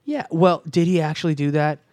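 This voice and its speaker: A man's voice: on the high side, a little fast, darkish tone, no echo. A man co-hosting a casual comedic chat, rambling and riffing in put-on voices. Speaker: podcast co-host.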